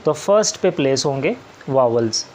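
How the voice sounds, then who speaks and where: A man's voice: mid-range voice, animated, moderate pace, a little mellow, slight background noise. A man teaching shorthand step by step, patient and repetitive, often opening with "ji". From Pakistan. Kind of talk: slow step-by-step classroom explanation.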